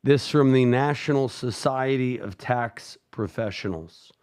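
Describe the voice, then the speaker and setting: A man's voice: mid-range voice, unhurried, clear, resonant tone. Man hosting a radio call-in show. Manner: steady explanatory delivery, repeats phone numbers.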